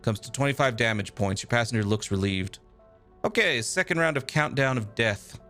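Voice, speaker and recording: A male streamer reading a video game's text aloud with a steady storytelling delivery. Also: medium pitch, moderate pace, faint music behind.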